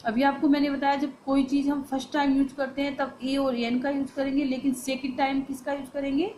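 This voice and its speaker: A woman teacher explains a grammar lesson to students. She poses questions and answers them herself, and says the phrases slowly and with stress. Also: sits high, flat delivery, a little mellow, a little hiss or hum, poor audio.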